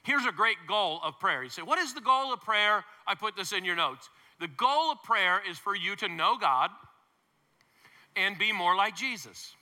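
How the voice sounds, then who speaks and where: A man's voice: high voice, expressive, moderate pace, pushed and bright. A male pastor preaching a sermon to his congregation, emphatic and conversational, with playful asides. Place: large church hall. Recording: long hall reverb.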